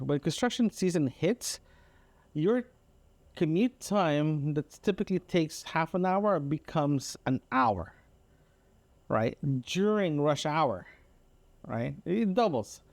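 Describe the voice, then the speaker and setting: Slightly high but darkish in tone, a man from Canada hosts an audio diary podcast without echo. He recounts everyday stories casually, rambling and repeating himself with mild exasperation and frequent check-ins to the listener.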